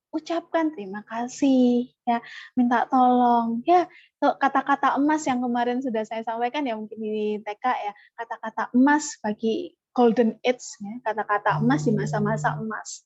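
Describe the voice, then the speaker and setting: A woman leading an online parenting workshop, animated and acting out parent-child dialogues. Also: on the high side, no room sound, muffled recording. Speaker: parenting trainer.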